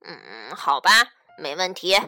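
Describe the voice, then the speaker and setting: A woman voicing a greedy, bullying male bandit chief and his bandits in a storybook reading, with loud, gruff shouting. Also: mid-range voice, animated, measured pace, soft background music. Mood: gruff bossy.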